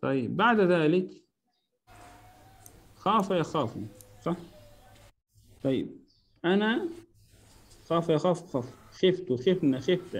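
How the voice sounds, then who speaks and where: A man with a slightly high, darkish voice corrects homework in an online lesson, patiently drilling Arabic verb conjugations one form at a time and correcting both himself and his student aloud.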